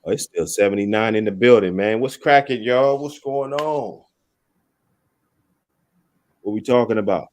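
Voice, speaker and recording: A man's voice: lowish voice, unhurried, pauses often, darkish tone. A man hosting a live call-in talk stream in casual chat, loose with slang and repeating his phrases to hype the room.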